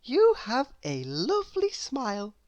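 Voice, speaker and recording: A woman's voice: fairly high pitch, wildly swooping pitch, a little slow, darkish tone, muffled recording, voice pushed up. A woman voicing a sweet, affectionate little female storybook character with an earnest, tender manner.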